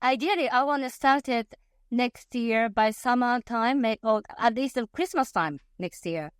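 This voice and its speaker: In a conversational interview, a passionate Japanese woman in her fifties with a Japanese accent laughs a lot and revises herself partway through sentences. She speaks at a measured pace in a fairly high, clean-toned voice, with clean studio sound and no room ambience.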